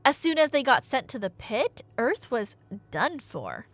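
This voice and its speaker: A woman with a high-pitched voice speaks at a measured pace, with no echo, in an audio roleplay as a nerdy girlfriend. She tells her story in an animated, casual, rambling way, full of wry asides and rhetorical questions.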